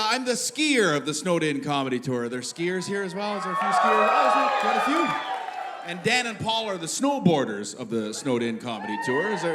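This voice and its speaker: A man performing a live stand-up comedy set, animated, firing off rhetorical questions and shouting out punchlines. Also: high-pitched. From Canada. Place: live comedy show in a venue. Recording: live venue with loud audience noise.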